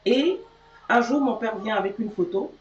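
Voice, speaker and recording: A woman co-hosting a live chat, telling a childhood story in a soft, hesitant way. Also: on the high side, normal speed, faint music behind. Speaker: co-host. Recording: distant, roomy, dull sound.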